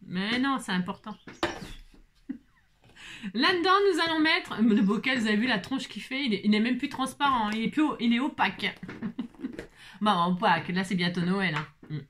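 A woman from France chats away to her crafting viewers, rambling and teasing herself as she goes. Her voice is bright and forward and sits a little high, and she slips into humming and bits of song now and then. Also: a little hiss or hum. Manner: chatty, rambling, self-mocking, hums and sings snatches. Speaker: craft channel host. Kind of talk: casual chat to viewers.

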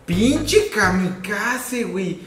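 A young man with a Mexican accent acting an excitable, scheming friend in a web comedy sketch, theatrical and slangy. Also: sits high, drawn-out words, full character voice. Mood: offended. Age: young adult. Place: indoors in a bare, hard-walled house room. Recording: roomy echo, music bed behind.

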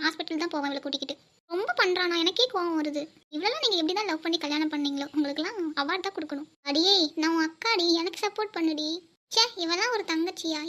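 A bossy young elder sister in a cartoon, voiced by a woman, scolding in a very high, squeaky voice. She rattles off her complaints quickly and bickers without pause. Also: bright, forceful tone. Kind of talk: cartoon voice acting.

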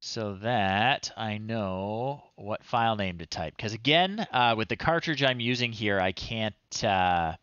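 A man in his thirties hosts a livestream from a small room at home, casually commenting while trying old software, thinking aloud and muttering in short phrases. His voice is fairly low, clear and resonant with a fairly bright tone, unhurried and with few pauses. The recording is dry and lo-fi.

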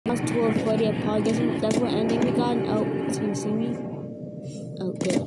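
A woman giving casual gameplay commentary, chatting and reacting out loud to what happens on screen. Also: on the high side, level tone, normal speed. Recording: loud background noise.

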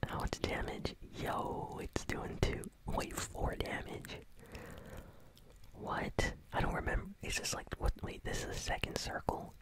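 A gaming channel host whispering ASMR commentary while chewing gum and reacting excitedly to a match. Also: a little slow, poor audio. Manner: whispering throughout.

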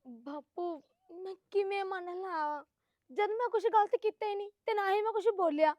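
A woman's voice: extremely high pitch, moderate pace, a little mellow, no room sound. An actress playing a young wife who insistently pleads that she has been wronged. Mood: pleading. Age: young adult.

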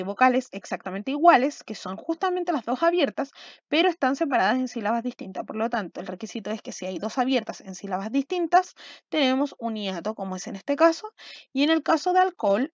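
A woman's voice: high-pitched, no echo. A woman, a schoolteacher giving a recorded video lesson, explaining patiently and often checking understanding with short questions. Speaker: school language teacher. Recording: dull, slightly lo-fi sound.

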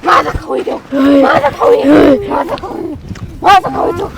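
Prank vlog: hungry whining female ghost, very high, played by a man, loud crowd behind. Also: lively intonation, moderate pace, gravelly, full character voice. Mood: whiny demanding. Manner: wailing, demanding food over and over. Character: hungry female village ghost, whiny and pestering. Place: outdoors in a rural village. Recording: outdoor take with loud crowd.

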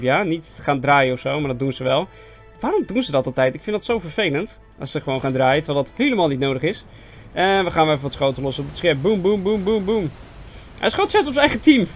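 A young Dutch man giving casual, self-mocking commentary on a strategy game, chatty with sudden excited yelps. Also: a little high. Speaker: gaming video host. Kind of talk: casual let's-play commentary. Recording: faint game music behind voice.

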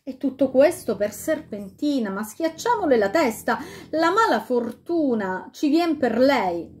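A woman's voice: high voice, expressive, a little slow, pitched above the performer's own voice. A woman voicing a cunning, determined fairy-tale queen giving orders.

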